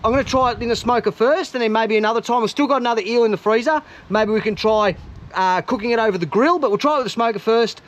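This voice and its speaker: A man's voice: very high voice, fast. An Australian man hosting a fishing and cooking vlog, chatting casually and upbeat to his viewers. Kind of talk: casual outdoor vlog commentary.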